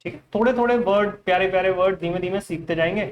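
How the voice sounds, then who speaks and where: High-voiced Indian male teacher. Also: fast, highs cut off, slight background noise. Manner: questioning, repeats "what is it, beta?" to students. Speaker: English vocabulary teacher. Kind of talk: classroom lesson.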